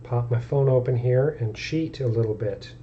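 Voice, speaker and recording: Man, tabletop game streamer, casual chat, thinking aloud, deep mellow tone, dull lo-fi sound. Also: moderate pace, a little hiss or hum. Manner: thinking aloud, easygoing and conversational. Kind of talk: casual live-stream talk.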